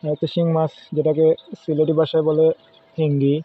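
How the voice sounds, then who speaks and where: A man's voice: on the high side, completely flat delivery, a little fast. A man casually showing his home fish tank, pointing out and naming each fish as he goes. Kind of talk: casual home video walkthrough. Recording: phone-like lo-fi sound with faint noise.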